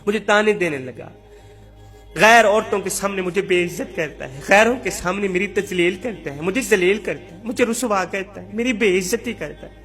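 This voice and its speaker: A man's voice: high voice, a bit bright, faint music behind. A man voicing a grieving, mistreated young wife who pleads tearfully and repeats herself. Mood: pleading.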